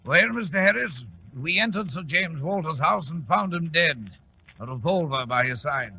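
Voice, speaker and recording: An actor playing an earnest English gentleman doctor, a detective's loyal companion, in 1940s radio drama with a British accent. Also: fairly high pitch, full character voice. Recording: faintly noisy 1940s radio recording.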